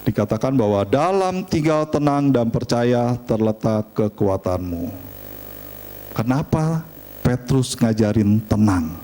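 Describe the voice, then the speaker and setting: A middle-aged man, preaching a sermon and telling family stories in an animated, humorous way. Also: mid-range voice, a little hiss or hum. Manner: animated storytelling, chatty and humorous. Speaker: pastor.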